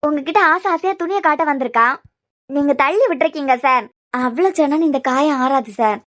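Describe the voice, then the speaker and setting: A woman's voice: sits high, fairly quick, fairly bright tone, no echo, clean studio sound. A woman voicing a firm young caretaker in a cartoon, who lectures the father plainly in Kanyakumari Tamil. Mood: scolding. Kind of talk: cartoon voice acting.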